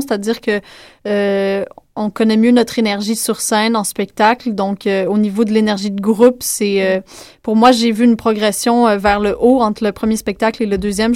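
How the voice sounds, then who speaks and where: Female guest performer, conversational, mid-pitched, recorded dry in a studio. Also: a little mellow, no echo. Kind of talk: casual radio interview. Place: radio studio.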